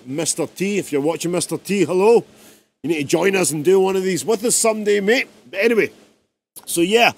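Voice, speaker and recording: Gravelly man walking through a track. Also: fairly high pitch. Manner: casual, chatty, rambling with fillers. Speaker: music producer. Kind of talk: live-streamed production tutorial.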